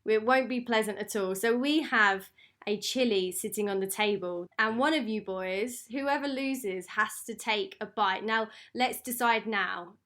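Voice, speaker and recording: A woman's voice: mid-range voice, measured pace, a bit bright, no room sound. A woman co-hosting a podcast, talking in a casual, informal and chatty way. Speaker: podcast co-host and quiz master.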